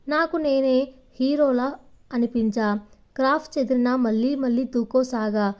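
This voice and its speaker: A woman's voice: high-pitched, dark tone. A woman reading a first-person story aloud as narration, giving the dialogue light voicing.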